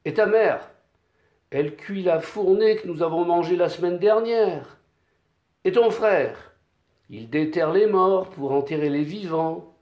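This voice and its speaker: A man voicing a rich, greedy old peasant-landowner who bullies and threatens, raised higher and louder than his own voice. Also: unhurried. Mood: demanding. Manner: gruff, bullying, impatient. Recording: echoey room.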